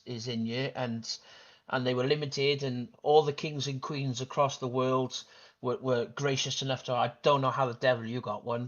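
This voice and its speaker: A man's voice: mid-range voice, fairly bright tone, dull audio. A man, a guest on a live stream, chatting in a rambling, joking, self-deprecating way. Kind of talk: casual live-stream chat.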